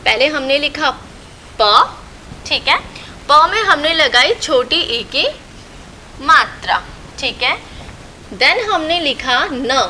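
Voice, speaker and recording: Slow, bright-voiced woman teacher. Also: high-pitched, animated, slight background noise, low-quality recording. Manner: slow, patient, repeats and asks questions then answers them. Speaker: school teacher. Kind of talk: recorded online lesson for young children.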